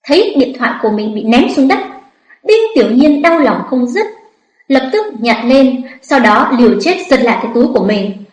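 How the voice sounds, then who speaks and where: A woman narrating a storybook audiobook in a lively, expressive reading. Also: fairly high pitch, moderate pace, reverberant, rough recording.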